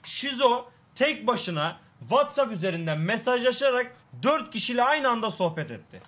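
A man's voice: very high-pitched, very animated, moderate pace, fairly bright tone. A young man chatting casually with friends on a game stream, bantering and swearing freely.

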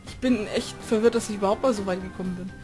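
A woman's voice: mid-range voice, quick pace. Sarcastic young woman doing gaming commentary. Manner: sarcastic, crude slang. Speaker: let's play host. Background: video game music.

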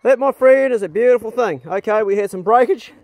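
A man with an extremely high-pitched, slightly mellow voice and a broad New Zealand accent talks briskly for his DIY vlog. Filmed on a handheld phone outdoors on a rural property with no echo, he chats in a casual, blokey, matey way, swearing in a laid-back manner.

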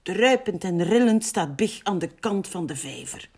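A woman reading a children's picture book aloud in a gentle, expressive way. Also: lowish voice, moderate pace, breathy edge. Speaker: library storyteller.

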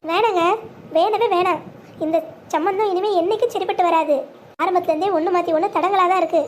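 A woman playing a heartbroken young bride in a cartoon, voiced very high with a quick delivery. She speaks bitterly but firmly, proud and resolved. A faint background hiss stays under her. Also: steady tone.

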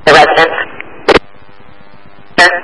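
Guy doing fire dispatch on a radio, formal repeated callouts, sounds far off w lots of static noise. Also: takes it slowly. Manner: formal, procedural, repeats addresses and times. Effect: two-way radio. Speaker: emergency dispatcher. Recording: noisy, distant scanner radio capture.

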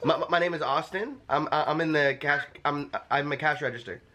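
A man in his twenties speaks casually in a slightly high voice, often stammering and repeating phrases. There is faint noise in the room around him. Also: brisk, bright, forceful tone. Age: 20s. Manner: repetitive, stammering delivery. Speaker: prank caller. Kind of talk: casual prank phone call. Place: bedroom.

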